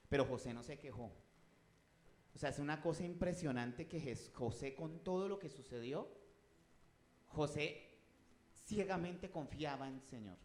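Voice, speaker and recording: A man's voice: medium pitch, darkish tone, echoey room. A man preaching a sermon, emphatic and rising in volume as he reads scripture, often asking the congregation questions.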